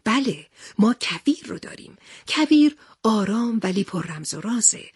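Brief: a calm, reassuring captain, read by a woman, lively lilt, slightly husky. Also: fairly high pitch, no echo, studio quality, exaggerated voice. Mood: steady. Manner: steady, reassuring. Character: brave adult male sea captain, calm leader.

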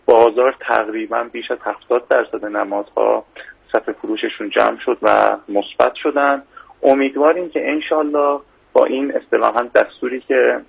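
A man with a heavily gravelly, breathy voice gives formal expert answers on a radio interview. He talks in a measured way and keeps pausing on hesitation fillers. The sound is dull and lo-fi, like a broadcast radio feed. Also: on the low side. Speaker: financial expert guest.

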